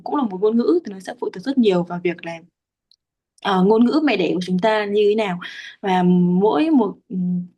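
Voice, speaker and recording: A woman's voice: medium pitch, mellow. A woman from Vietnam, patiently explaining Pali chanting rules with frequent hesitations. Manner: patient, many fillers, spells out syllable lengths. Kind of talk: teaching explanation.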